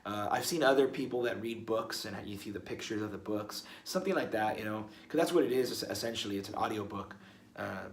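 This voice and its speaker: A man's voice: on the low side, fairly bright tone. A young man talking casually in a one-take video blog, rambling and restarting his words often. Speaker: musician vlogger. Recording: roomy with faint ambience.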